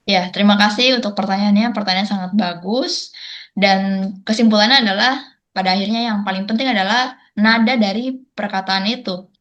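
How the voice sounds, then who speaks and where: A woman interpreting in a webinar, careful and pausing often with hesitation sounds, on a video call. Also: mid-range voice, fairly bright tone, dull audio.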